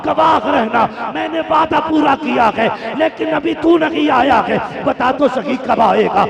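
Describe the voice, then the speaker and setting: A man voicing a devoted young girl who pleads for help, in a high, strained voice, during a live sermon. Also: a little slow, creaky, full character voice. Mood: pleading. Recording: live event with loud crowd.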